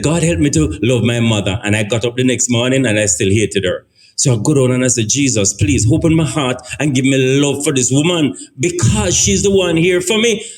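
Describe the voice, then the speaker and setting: A middle-aged Jamaican man talking to parents and teenagers in a sermon-like style, telling stories and often checking in with the crowd. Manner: storytelling, sweeps up high when stressing a point. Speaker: speaker at a family forum. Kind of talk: sermon-like talk to parents and teens.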